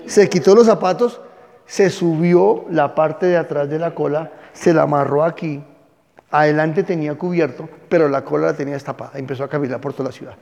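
A man, a pastor teaching a Bible class and telling the stories with lively energy. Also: on the high side, fairly quick, creaky, long reverb tail. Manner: lively storytelling, addresses class as "hijos".

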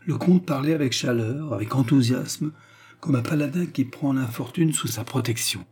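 A man reading a classic novel aloud as narrator, in a measured, expressive storytelling manner. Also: medium pitch, breathy edge. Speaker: audiobook reader.

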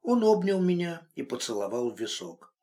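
A man reading a novel aloud as an audiobook narrator, expressive. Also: fairly high pitch, normal speed. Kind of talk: scripted narration.

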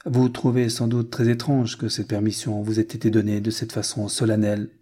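A man reading the lines of a gentle, reserved young noblewoman, quiet and simple. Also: lowish voice, flat delivery, a little fast, husky.

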